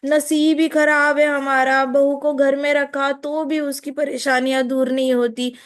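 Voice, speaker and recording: A woman's voice: sits high, little pitch movement, measured pace. A woman voicing an anxious old mother-in-law who frets and pleads in a raised, wailing voice. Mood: lamenting. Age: older.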